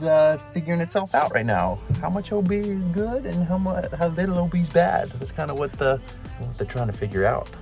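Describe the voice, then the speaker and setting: A young man, a disc golf pro, vlogging his tournament outdoors in a laid-back, joking way. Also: on the high side. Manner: laid-back, jokey, laughs at his own bits. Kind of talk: casual vlog narration. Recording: background music under the voice.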